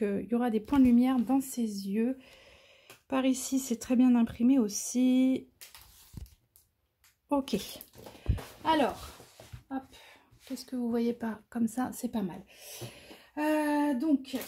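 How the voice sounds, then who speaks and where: A woman's voice: fairly high pitch, warm tone, a little hiss or hum. A woman vlogger chatting casually through an unboxing, gushing with enthusiasm over what she shows. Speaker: crafting vlogger.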